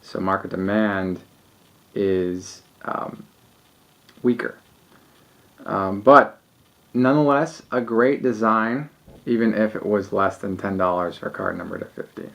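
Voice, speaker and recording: A man showing his baseball cards in a relaxed, rambling video, tired late at night with lots of ums. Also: lowish voice, measured pace, vocal fry, long pauses. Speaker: sports card collector showing his cards. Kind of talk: casual solo video. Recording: dull lo-fi home recording.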